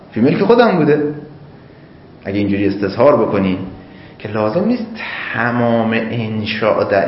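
Animated man lecturing in an echoey room. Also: mid-range voice. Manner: animated, reasoning aloud with examples. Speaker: seminary teacher. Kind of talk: jurisprudence class lecture. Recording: echoey classroom, lo-fi, faint noise.

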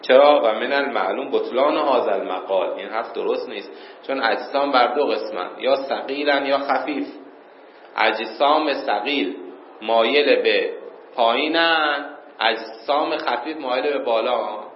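A man teaches a casual class, reading Arabic passages aloud and breaking them down in everyday speech. The room echoes around him, and the recording sounds muffled, with a light hiss underneath. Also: mid-range voice. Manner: reads Arabic passages then explains them plainly, with chuckles. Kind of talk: informal classroom lesson. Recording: roomy, dull lo-fi recording with faint noise.

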